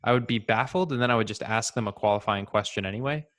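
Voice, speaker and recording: A man, a former sales rep, chatting casually on a group call, relaxed and full of "like". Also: fairly low pitch, fast talker. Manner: relaxed, chatty, many "like" fillers.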